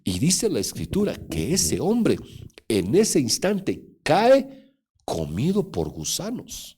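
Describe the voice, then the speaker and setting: A man's voice: medium pitch, warm tone, slightly rough. A man, a pastor, preaching a sermon at an online church meeting, with emphatic rises and frequent asides to the congregation.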